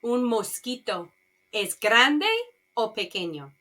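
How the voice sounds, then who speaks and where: A woman's voice: medium pitch, expressive, slow, bright, forceful tone. A woman teaching a beginner language class, asking students simple yes-or-no questions and translating each phrase for them. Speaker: Spanish teacher. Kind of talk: bilingual language lesson, slow and repetitive.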